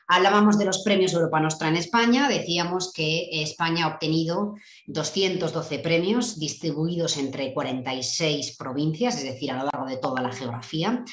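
A woman's voice: sits low, normal speed, roomy sound. A woman giving an online conference talk over a video call, hesitant with many fillers. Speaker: director general giving a keynote talk.

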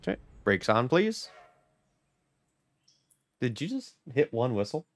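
A man's voice: medium pitch, sing-song, slow. A man giving chatty, joking commentary on a live gameplay stream and greeting viewers. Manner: joking, chatty, talks to chat. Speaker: game streamer.

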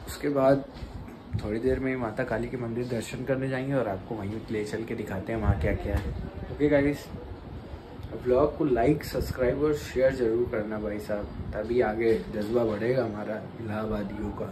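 Young man, from Prayagraj, casual travel vlog, phone selfie mic, loud street noise. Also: mid-range voice, fairly even intonation, normal speed. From Prayagraj, India. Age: young adult. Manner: chatty, addresses viewers as guys and brother. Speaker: vlogger. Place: train station, taxi, hotel room, city streets. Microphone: phone selfie at arm's length.

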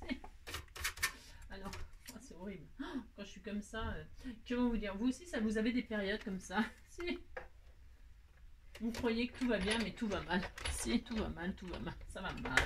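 A woman's voice: medium pitch, normal speed, pauses often, very noisy. Chatty, muttering French woman crafting. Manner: muttering, self-talking, exasperated asides and little laughs. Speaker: craft tutorial host. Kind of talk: chatty hands-on crafting tutorial.

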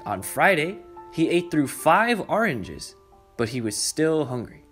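A man's voice: a little high, very animated, a bit bright. Young man reading aloud, music behind. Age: young adult. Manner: clear, deliberate, addressing children directly. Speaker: children's story time host. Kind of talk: read-aloud storytelling for preschoolers. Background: background music.

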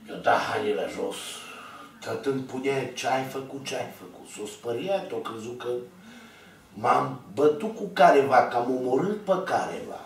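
Gravelly Romanian-speaking man in echoey room. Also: mid-range voice, lively intonation, recorded from a distance, slight background noise. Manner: blunt, rambling, calls out to listeners. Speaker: vlogger telling a personal story. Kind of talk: casual storytelling monologue.

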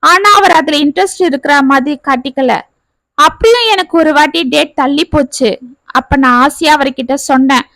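Woman doing a hurt bitter young wife venting, high voice, dry close sound. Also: moderate pace, a bit bright, no echo, low-quality recording. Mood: aggrieved.

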